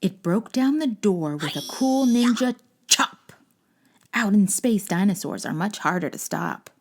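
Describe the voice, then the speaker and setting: Woman storybook narrator, lively swinging pitch, slow pace, creaky edges, playful dramatic emphasis. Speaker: children's storybook reader, channel host. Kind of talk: expressive scripted storybook narration.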